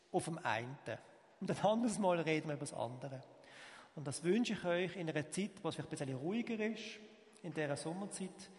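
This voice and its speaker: A man with a Swiss German accent preaching a sermon as pastor, moving between emphatic rises and soft, slow pauses. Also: a little high, big-room sound.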